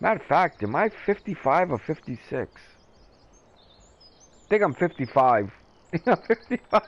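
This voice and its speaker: A man in his fifties chats loosely with his viewers as he plays, his voice sitting a little high for a man. He rambles from one thought to the next, cracking jokes and laughing at himself. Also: sing-song, a little slow, muffled recording. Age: 50s. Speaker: gaming streamer. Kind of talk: casual chat with viewers while playing.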